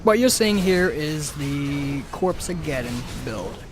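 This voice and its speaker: A man's voice: fairly high pitch, animated, slow, music in the background. A man rambling over his gameplay footage, stammering with lots of filler words, recorded on a home mic without a pop filter. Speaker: gaming video creator.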